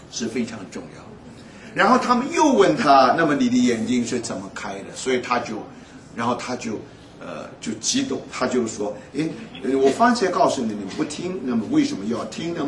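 Animated male preacher in an echoey hall. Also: medium pitch, a little fast, distant mic. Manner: animated storytelling with frequent laughs. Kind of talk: sermon.

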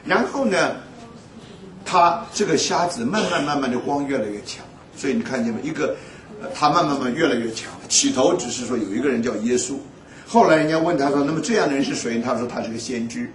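A man preaching a sermon, telling stories in an animated way and laughing often. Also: medium pitch, a little fast, slight background noise. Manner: animated storytelling with frequent laughs. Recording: echoey hall, voice from far off.

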